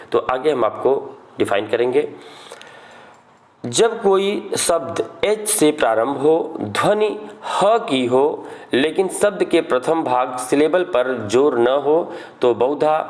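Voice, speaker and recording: A male teacher, explaining a grammar lesson step by step and answering his own questions. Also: medium pitch. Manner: slow, explains step by step, asks questions then answers them.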